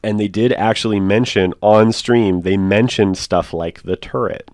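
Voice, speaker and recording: A man's voice: lowish voice, fairly even intonation, a little slow, a little mellow, no room sound, clean studio sound. A man co-hosting a casual podcast, rambling and thinking aloud in long run-on thoughts. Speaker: podcast co-host.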